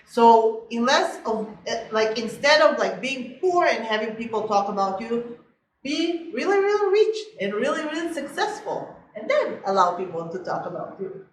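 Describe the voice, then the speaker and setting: Woman realtor, chatty vlog co-host, lively fillers, low-quality distant echoey stream sound. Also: moderate pace, a little hiss or hum. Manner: animated, lots of "like" fillers. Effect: low-quality sound after the mic died. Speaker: realtor, co-host of a couple's channel. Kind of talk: casual chat to camera.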